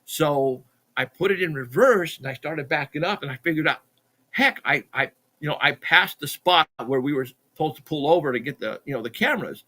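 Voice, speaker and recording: Middle-aged dude telling his crazy story, bright forceful voice, keeps tripping over words. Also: fairly high pitch, brisk. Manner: excitable, repeats himself, acts out dialogue. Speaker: podcast guest, Bigfoot researcher. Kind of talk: animated storytelling.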